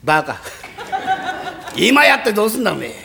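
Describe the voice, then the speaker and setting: A man's voice: high voice, sing-song, a little fast, creaky, background noise, pitched below the performer's own voice, heavily acted. A man with a Tokyo accent voicing a short-tempered townsman who bluntly scolds his dim friend in a rakugo performance. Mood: scolding.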